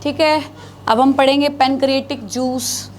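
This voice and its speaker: A woman's voice: high-pitched, steady tone, measured pace, a little hiss or hum. A woman teaching a biology class, asking her students questions and answering them herself, repeating key terms as she writes on the board. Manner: repeats key terms, mixing Hindi with English.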